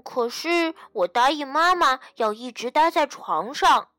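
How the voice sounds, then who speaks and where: 一位女士扮演的一只活泼的小兔女孩，声音又高又亮，喊起来很响亮。这是儿童故事里的角色，录音干净干燥。. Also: female voice, high voice, animated, moderate pace, pushed and bright, dry recording, clean studio sound. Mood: earnest. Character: little sick girl bunny, eager and lively.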